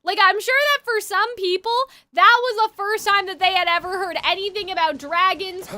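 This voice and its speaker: Over video game music, a female streamer rambles and muses in relaxed livestream chat. She has a very high, bright voice with a forceful tone, holding steady and speaking at normal speed.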